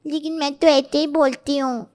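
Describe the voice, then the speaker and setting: A woman's voice: high-pitched, steady tone, normal speed, darkish tone, pitched above the performer's own voice, close to an everyday voice. A woman voicing a sweet, innocent young bride in a cartoon story who speaks with a childlike lisp. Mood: shy. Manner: childlike lisp, swaps sounds.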